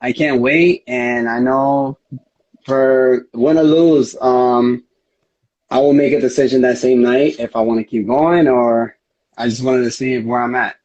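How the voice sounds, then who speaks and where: An MMA fighter being interviewed speaks casually, rambling earnestly as he tells his stories. His medium-pitched voice is a bit slow and darkish with vocal fry, heard through dull lo-fi audio.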